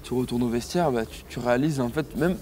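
A young man speaks casually and reflectively, his sentences often trailing away. His voice is dark and mellow, recorded outdoors. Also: mid-range voice, fairly quick, a little hiss or hum. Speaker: rugby sevens player. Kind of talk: casual interview.

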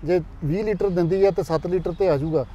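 A man's voice: sits high, a little fast, warm tone, muffled recording, a little hiss or hum. A man with a Punjabi accent, a dairy expert on a talk show, explaining earnestly with figures and examples. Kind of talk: explanatory interview answers.

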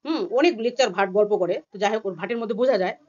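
A woman from India ranting fast and agitatedly in a personal vlog, often acting out other people's words. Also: fairly high pitch, animated, a little mellow, muffled recording. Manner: rapid and agitated, acting out quoted voices. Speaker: vlogger. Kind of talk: heated personal vlog rant.

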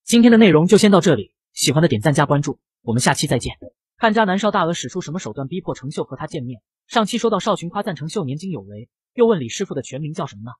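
A man reads a comic recap at a very fast pace, with brisk storytelling. His voice is husky and slightly high. The sound is dry and close. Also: big pitch swings, no room sound. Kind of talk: scripted comic narration.

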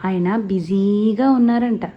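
A woman's voice: mid-range voice, normal speed, natural voice. A woman voicing a playful young wife who teases her husband, on a slightly dull recording. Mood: teasing. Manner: teasing, mischievous.

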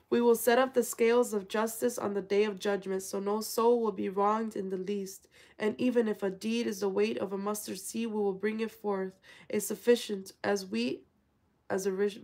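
A woman's voice: medium pitch, a little mellow, low-quality recording. A woman reading a scripture translation aloud, calling out verse numbers and stumbling over words, then correcting herself as she goes. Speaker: scripture reader.

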